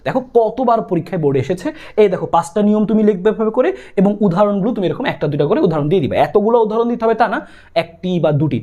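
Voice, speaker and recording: A man's voice: sits high, warm tone. A young man with a Bangladeshi Bengali accent, coaching students through an exam-prep lesson in an urgent, repetitive, coaxing way. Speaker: tutor.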